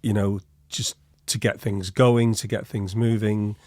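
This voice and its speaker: A man talking in a relaxed business conversation, measured and reflective, often saying "you know". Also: lowish voice, no room sound. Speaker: business advisor in a review chat. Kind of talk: casual conversational chat.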